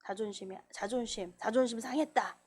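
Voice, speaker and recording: A woman's voice: a little high, a little fast, a little mellow, breathy edge. A woman preaching a sermon in a church, acting out quoted voices as she goes. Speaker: pastor.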